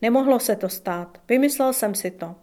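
A woman voicing a gentle, shaken older married man in an audiobook, speaking softly and hesitantly. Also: on the high side, natural voice.

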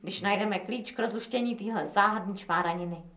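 A woman's voice: mid-range voice, fairly bright tone, close to an everyday voice. Woman voicing a smug gang boss, lecturing, businesslike, echoey room. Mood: scheming. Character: pompous male gang boss, smug and sly.

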